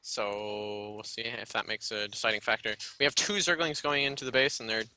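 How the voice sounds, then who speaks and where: A man casting a live video game match in a casual, rambling way, often laughing and getting excited. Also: fairly low pitch, brisk, no room sound. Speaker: game caster.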